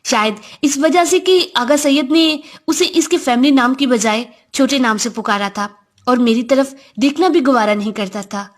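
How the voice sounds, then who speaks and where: A woman reading a first-person story aloud in a reflective, confiding manner. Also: sits high.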